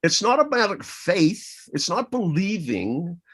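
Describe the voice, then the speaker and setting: A man speaking as a guest over a video call, telling stories in an earnest, animated way. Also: sits high, slow, husky, rough recording. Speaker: interview guest. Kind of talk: casual interview.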